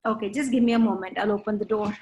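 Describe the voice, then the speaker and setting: A woman's voice: medium pitch, fairly even intonation, fast, darkish tone. Woman on a video call, audio cutting in and out. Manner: checking if she can be heard. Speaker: panel speaker on electric vehicles. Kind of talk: online webinar talk.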